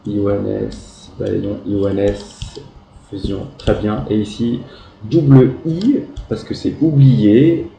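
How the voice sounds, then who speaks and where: A male primary school teacher corrects his pupils' written exercises aloud, spelling out verb endings letter by letter and offering patient, gentle praise. He speaks slowly in a low, very dark, gravelly voice. The room sounds echoey, with a faint background hum.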